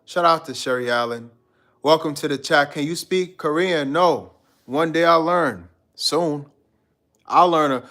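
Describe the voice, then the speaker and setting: Speaking at a medium pitch with a slightly bright quality, a man from Guyana runs a live stream. He chats with viewers in a loose, slangy, meandering manner and reads their comments out loud.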